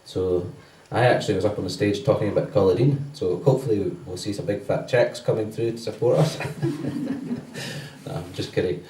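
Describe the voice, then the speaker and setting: Low mellow man giving church notices. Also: fairly quick, slight background noise. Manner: loose and conversational, many fillers. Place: church hall. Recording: roomy church sound from a distance.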